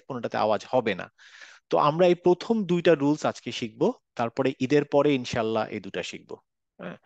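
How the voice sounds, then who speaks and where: Guy teaching a quran class, bangladeshi accent, kinda high voice, dry close sound, repeats stuff slow. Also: no echo. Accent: Bangladeshi Bengali. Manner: patient, repeats examples slowly, checks students understand.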